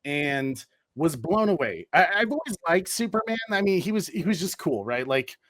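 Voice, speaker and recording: A man's voice: fairly high pitch, very animated, normal speed, fairly bright tone, no room sound, studio quality. A man in his thirties, a podcast guest, telling stories in a rambling, easygoing way with many fillers. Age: 30s. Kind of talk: casual chat.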